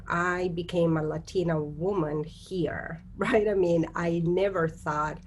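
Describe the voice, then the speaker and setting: A woman's voice: lowish voice, darkish tone, husky. A woman from Costa Rica, speaking as a guest on a virtual panel, explaining earnestly and often checking in with "right?" over a video call. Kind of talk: conversational virtual panel talk.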